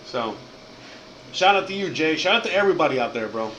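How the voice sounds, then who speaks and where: This livestream host is a Cuban-American from Miami, USA, speaking with a Miami Cuban accent and dealing with food poisoning as he chats casually. His fairly high, fairly bright voice is very animated and fairly quick, and he rambles and curses, repeating "you know what I mean" over slight background noise.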